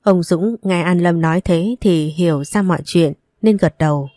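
A woman narrates a story in a steady, even way. Her voice is low and mellow, and the recording is dry and close to the mic. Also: normal speed, no echo.

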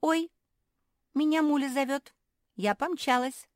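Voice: squeaky. Figure: woman doing a greedy little pug. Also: lively intonation, unhurried, dry recording, clean studio sound, lightly acted. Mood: flustered. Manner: flustered, squeaky.

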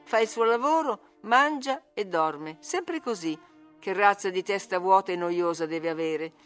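A woman's voice: medium pitch, lively intonation, a little slow, soft background music, lightly acted. A woman reading aloud, voicing a petulant, teasing young woman who turns pleading with her cousin. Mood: mocking. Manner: needling, then tearfully pleading.

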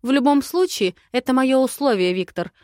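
A woman's voice: high voice, lively intonation, moderate pace, dry recording, studio quality, pitched above the performer's own voice. A woman voicing a fiery, defiant young heroine. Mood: defiant, angry. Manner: shouting, defiant. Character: hot-tempered young woman, bride-to-be heroine.

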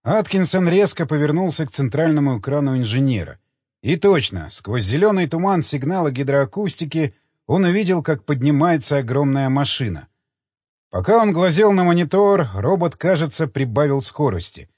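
Lively, husky male audiobook narrator. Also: a little high, moderate pace, no room sound, highs cut off.

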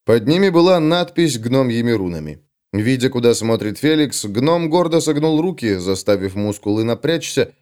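A man reading an audiobook aloud in an expressive, scripted narration. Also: medium pitch.

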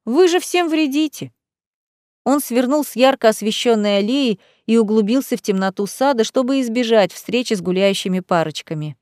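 A woman reading a fantasy novel aloud as the narrator, in an even, measured way. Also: on the high side, no room sound, clean studio sound. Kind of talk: audiobook narration.

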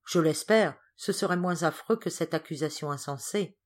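A woman voicing a kindly, motherly governess in a storybook reading, speaking in an earnest, measured way. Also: low-pitched.

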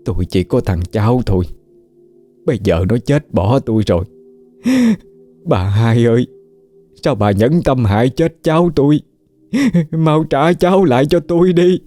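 A man's voice: medium pitch, sing-song, moderate pace, long pauses, warm tone, soft background music, voice pushed up. A man voicing a grieving old grandmother who wails and pleads. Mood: wailing. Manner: wailing, pleading.

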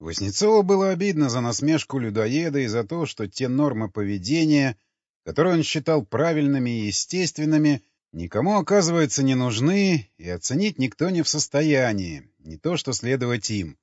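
A man narrating an audiobook in an expressive storytelling manner. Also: mid-range voice, moderate pace, dry recording. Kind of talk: scripted narration. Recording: dry, dull lo-fi sound.

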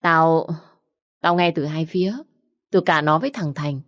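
Storybook: gruff, blunt older sister voiced by a woman, low voice, dry sound. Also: steady tone, unhurried, no echo. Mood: confessing. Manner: blunt, coarse. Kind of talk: storybook reading.

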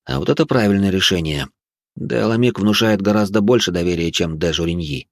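A man narrating a first-person fantasy audiobook in a measured, even manner. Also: sits low, no room sound, studio quality.

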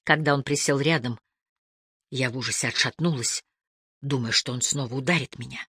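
Narrating a first-person audiobook, a woman with an extremely low, husky voice swings expressively between hushed and raised tones at a moderate pace. The recording is dry and studio-clean.

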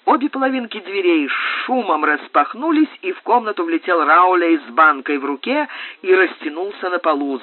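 A man narrating an audiobook in a steady storytelling reading. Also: fairly high pitch, no room sound. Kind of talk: scripted narration. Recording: tinny phone-like dry sound.

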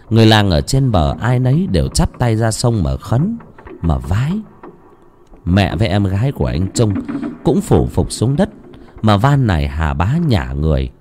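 A man narrating a horror story in a dramatic, expressive way. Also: fairly low pitch, a little hiss or hum.

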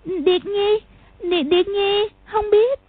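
A woman voicing a frightened but kind-hearted little girl in an audiobook, soft and timid, with a husky voice. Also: very high-pitched, quick pace, no room sound, pitched above the performer's own voice. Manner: soft, timid, stammering when scared. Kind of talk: audiobook character voice. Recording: tinny phone-like, dry.

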